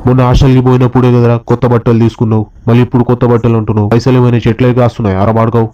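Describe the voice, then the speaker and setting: A man playing a stingy father with a Telangana accent who mocks and scolds his grown son in rapid bursts. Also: mid-range voice, little pitch movement, mellow, close to an everyday voice. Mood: scolding. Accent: Telangana Telugu. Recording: dull lo-fi audio, faint noise.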